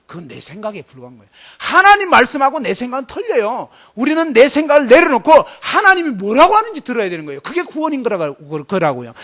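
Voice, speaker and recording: High-voiced man preaching emphatically. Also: pushed and bright. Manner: emphatic, fires rhetorical questions at listeners; acts out scenes vividly. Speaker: preacher at a student camp. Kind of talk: sermon.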